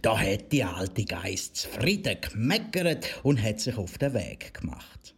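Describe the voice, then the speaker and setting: A man with a Swiss German accent narrating a fairy tale for children in a gentle storytelling manner. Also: fairly low pitch, very animated, unhurried, creaky, breathy edge.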